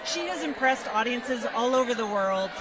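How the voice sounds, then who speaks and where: A high-voiced woman chatters live from an outdoor red carpet, gushing and playfully joking. She sounds a little off the mic, with a very loud, noisy crowd all around her. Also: animated, moderate pace, far from the mic.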